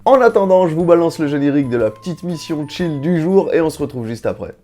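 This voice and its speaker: A man's voice: on the high side, lively intonation, fast, warm tone, faint music behind. A man with a grainy morning voice hosting an unboxing vlog in informal, slangy, casual chat. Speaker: YouTube host.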